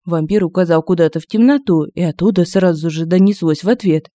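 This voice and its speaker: A woman's voice: on the low side, fairly quick, dark tone, no echo. Woman narrating a comic fantasy audiobook. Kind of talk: scripted narration of humorous fantasy. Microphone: close home-studio mic.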